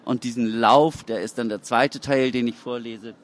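A man reading his own story aloud in measured, dramatic narration. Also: medium pitch, steady tone.

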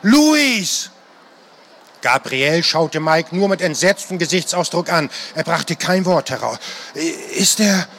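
A man's voice: on the high side, normal speed, hardly any pauses, a bit bright, slight background noise. A man reading an adventure novel aloud to an audience, telling it dramatically. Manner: dramatic storytelling, acting out the characters.

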